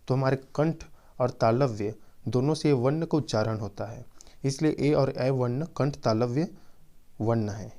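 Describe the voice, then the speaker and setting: A man teaches a quiz-style exam prep lesson, reading out each question and its options before explaining the answer. His voice sits at a mid pitch with a warm, mellow tone. He talks slowly and repeats key points so they stick. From Chhattisgarh, India.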